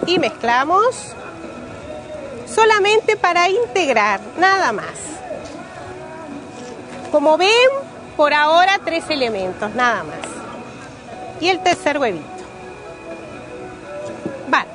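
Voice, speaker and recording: A woman in her forties with a Rioplatense accent leads a cooking demonstration at an outdoor fair stand. Her voice sits high, and she explains each step in plain terms, often repeating herself. Clear music plays in the background of the open-air setting. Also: sing-song, slow, long pauses. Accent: Rioplatense Spanish. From Uruguay. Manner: simple step-by-step explaining, repeats key words. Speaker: pastry cook. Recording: music playing behind, outdoors.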